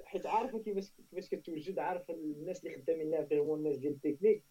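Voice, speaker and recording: Fast-talking Moroccan man, very mellow. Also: fairly high pitch, husky, distant mic, rough recording. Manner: emphatic, repeats phrases, switches into French. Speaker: tech talk panelist. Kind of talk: casual tech discussion.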